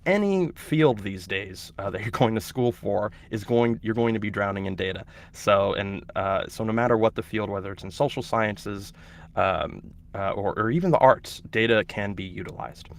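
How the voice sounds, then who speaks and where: A man with a lowish voice and some vocal fry hosts an online orientation webinar for teachers at a moderate pace. He explains the steps and introduces a guest in an instructive way, hesitating with fillers and restarts.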